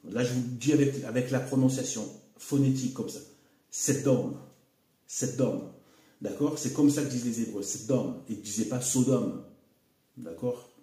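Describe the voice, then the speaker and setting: A man speaking alone to camera in a loose, unscripted way. His voice is mellow and dark, and he often stalls, repeats words and drops fillers. The room around him rings with noticeable echo. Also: mid-range voice. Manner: halting, repeats words, fills with "hein" and "voilà". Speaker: video commentator. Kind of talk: unscripted solo video monologue. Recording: echoey room.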